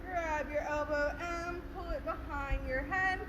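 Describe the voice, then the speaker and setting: A woman with a high voice instructs a gymnastics stretching class on a live stream. She is casual and encouraging as she gives directions and counts. The recording has clear background noise. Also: measured pace, echoey room. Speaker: gymnastics coach. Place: gym floor with fans. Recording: noisy live-stream audio with steady background hum.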